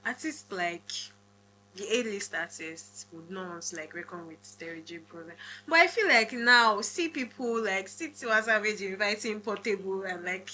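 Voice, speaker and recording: A woman's voice: mid-range voice, normal speed, bright, forceful tone, slight background noise, poor audio. A woman co-hosting a podcast in casual chat, filling her talk with "like". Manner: chatty, many "like" fillers. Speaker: podcast co-host.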